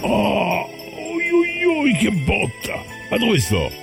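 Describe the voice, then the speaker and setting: An actor playing a jolly, bumbling old Santa Claus in a hammy, exclamatory comic radio promo. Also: male voice, high-pitched, huge pitch swings, slow pace, vocal fry, full character voice. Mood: dazed. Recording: music bed with jingle bells behind.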